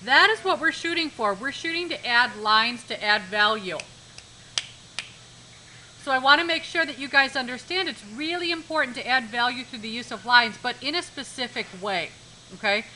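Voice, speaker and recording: A woman's voice: a little high, moderate pace, sharp tone, slight background noise, low-quality recording. A woman art teacher giving a live demonstration lesson in a classroom, instructive, repeating key points and checking that students follow.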